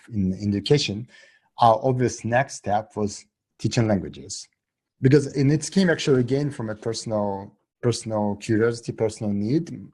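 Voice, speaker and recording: A man from Russia and Israel, middle-aged, chats in hesitant English, restarting his sentences often. His low voice has a gravelly, breathy edge. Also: darkish tone. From Russia, raised in Israel. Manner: halting non-native English with many restarts. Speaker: podcast guest, app co-founder. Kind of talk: casual interview talk.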